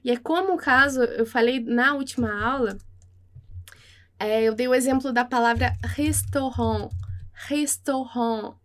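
A woman teaching French pronunciation in a lesson, repeating words slowly and carefully. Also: a little high. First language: Portuguese.

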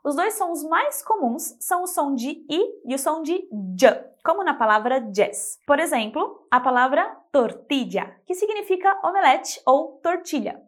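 A woman teaching a scripted pronunciation lesson, speaking clearly and slowing down to model example words. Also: high voice, expressive. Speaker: Spanish teacher.

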